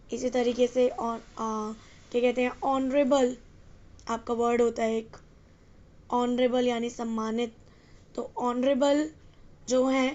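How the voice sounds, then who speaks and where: Woman grammar teacher, high voice, dull lo-fi recording, asks the class and answers herself. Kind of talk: exam-prep English grammar lesson.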